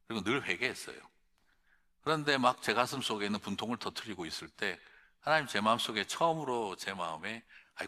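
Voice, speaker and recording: A male pastor preaching an evening sermon, swinging from hushed whispers to loud outbursts. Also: lowish voice. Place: large church or conference hall. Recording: reverberant large hall.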